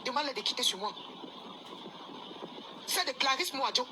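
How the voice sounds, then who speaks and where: Casting: high-voiced woman, scolding rant, traffic noise behind. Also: expressive, moderate pace. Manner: scolding, insistent, repeats herself. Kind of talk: angry live video rant.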